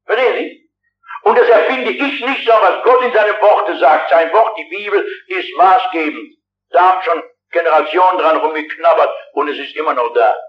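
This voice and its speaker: An older man preaches to a packed hall in a high, urgent voice, pressing his listeners directly. His delivery is fervent and insistent. The recording is dull and lo-fi, with the muffled character of an old archive tape. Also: moderate pace, a little hiss or hum. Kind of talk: revival sermon. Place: large hall with a big audience.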